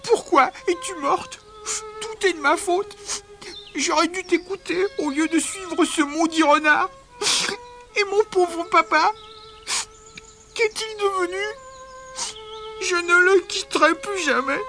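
A woman voicing a tearful, impulsive wooden puppet boy in an audiobook, speaking in a slow, pleading, childlike way. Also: very high-pitched, bright, forceful tone, soft background music, full character voice. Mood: grieving. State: sobbing. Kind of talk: audiobook character voice.

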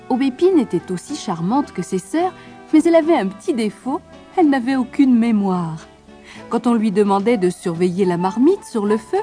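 Expressive woman reading a fairy tale. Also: fairly high pitch. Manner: expressive, lilting. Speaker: storyteller. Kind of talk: storybook narration.

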